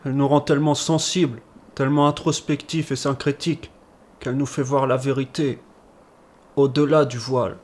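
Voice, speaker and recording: An actor playing a solemn, mystical, blissed-out stoner in a comedy short. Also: male voice, medium pitch, flat delivery, normal speed, natural voice. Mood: reverent. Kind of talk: comedy short film acting.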